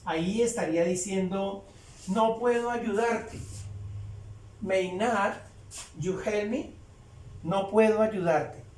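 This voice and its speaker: Guy teaching grammar real slow, repeats himself, sounds far from the mic in a roomy space. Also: high-pitched, darkish tone. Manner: slow, repeats phrases while writing. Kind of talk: explaining grammar at a board. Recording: echoey room, voice away from mic.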